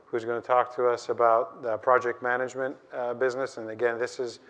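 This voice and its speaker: A man's voice: medium pitch, flat delivery, a little fast, fairly bright tone. A man moderating a conference panel, asking long rambling questions with frequent restarts. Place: conference stage. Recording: dull lo-fi sound.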